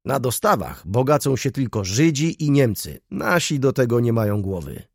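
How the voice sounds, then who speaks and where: A man voicing a pompous male shopkeeper who delivers emphatic moral pronouncements, with a husky voice. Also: medium pitch, very animated, normal speed, no echo, clean studio sound, voice pushed up, exaggerated voice. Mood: sententious.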